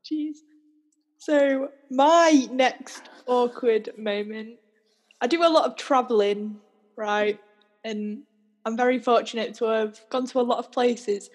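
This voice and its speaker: Young woman on a podcast, kinda high and husky, chatty storyteller, laughs a lot. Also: takes it slowly, a little mellow. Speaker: podcast co-host. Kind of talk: casual storytelling chat.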